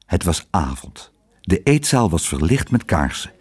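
A man reads a children's story aloud with a husky, breathy voice. His delivery is animated, rising and falling widely as he tells the tale. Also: low voice, a little slow. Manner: expressive, animated reading.

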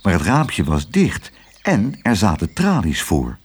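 A man reads a children's story aloud, his pitch rising and falling with great animation. His voice is husky and breathy, with an expressive, storytelling lilt. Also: unhurried. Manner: lively, expressive reading.

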